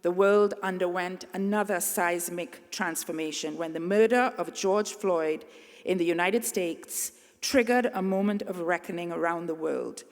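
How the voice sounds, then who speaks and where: A middle-aged woman from Trinidad and Tobago, giving an earnest, measured commencement address at a podium microphone. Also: fairly low pitch. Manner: earnest, measured, speaking to a crowd. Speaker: convocation speaker. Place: large convocation hall. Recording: long hall reverb.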